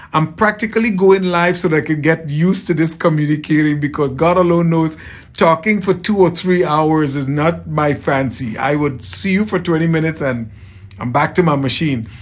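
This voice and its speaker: A tailor from Trinidad chats casually with viewers on a livestream, his Trinidadian accent softened toward American. He's friendly, repeats phrases often and greets viewers by name. His voice is on the high side, at normal speed.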